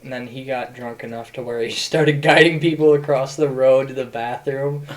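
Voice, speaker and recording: A man's voice: medium pitch, fairly even intonation, normal speed, low-quality recording. Rambling young man telling a story. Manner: rambling storyteller, many fillers. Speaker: podcast host. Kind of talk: casual chat.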